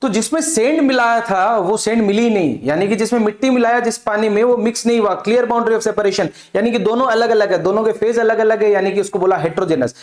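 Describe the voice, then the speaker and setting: A man's voice: high voice, brisk, hardly any pauses. A man teaching a chemistry lesson, asking his own questions and answering them, repeating key terms. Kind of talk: classroom lecture with demonstration. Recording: echoey room.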